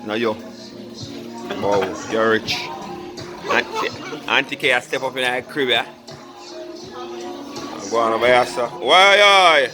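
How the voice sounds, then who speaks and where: A man's voice: mid-range voice, expressive, slow, pauses often. A man bantering in patois while filming a family dinner. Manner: joking, laid-back patois banter. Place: family home at a holiday dinner. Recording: music and crowd chatter clearly behind.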